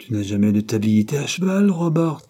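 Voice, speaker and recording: A male audiobook narrator voicing a calm, teasing young woman. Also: mid-range voice, fairly quick.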